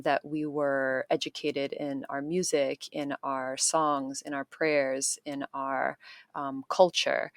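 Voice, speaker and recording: A woman in her thirties, raised in Chicago, speaking as an interview guest, thoughtful and pausing often as she restarts sentences. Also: low-pitched, no echo. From Chicago, United States. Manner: thoughtful, many pauses and restarts. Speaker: guest, artist and activist. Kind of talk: interview conversation. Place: home in Japan, remote call.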